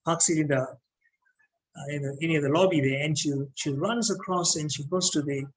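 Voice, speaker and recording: A man giving a lively talk on public speaking, often repeating words as he goes. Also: fairly high pitch, moderate pace, rough recording. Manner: animated, repeats words and restarts. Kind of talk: motivational talk to an audience.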